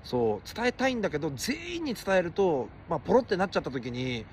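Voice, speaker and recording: A man chats loosely on a livestream, slightly high-pitched with a voice that swings widely up and down. He drifts between polite phrasing and blunt asides, and a faint hiss of noise sits under the recording. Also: sing-song, fast talker. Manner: rambling, shifts between polite and blunt speech. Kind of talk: casual livestream talk.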